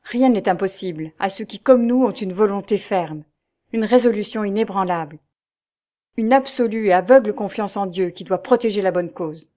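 A woman's voice: medium pitch, normal speed, dark tone, natural voice. A woman reading the lines of a kindly, fatherly priest in a novel, speaking earnestly and reassuringly. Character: kindly paternal old male priest.

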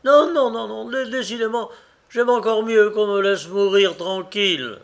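A man's voice: high voice, normal speed, pitched above the performer's own voice. A man voicing a young, wounded Paris street lad who protests and pleads before an operation. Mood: protesting.

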